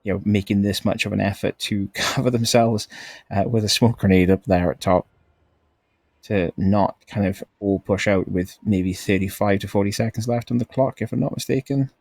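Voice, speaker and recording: Low-voiced guy casting a game live, chill and rambly, laughs a lot. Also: fairly even intonation, moderate pace, creaky, a little mellow, no echo. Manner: laid-back, rambling, laughs often. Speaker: esports caster.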